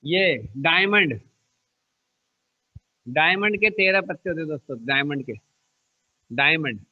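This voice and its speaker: A man's voice: a little high, animated, unhurried, highs cut off. A man teaching a math lesson to children, asking them questions and answering them himself, joking now and then and repeating key numbers. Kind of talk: classroom-style math lesson.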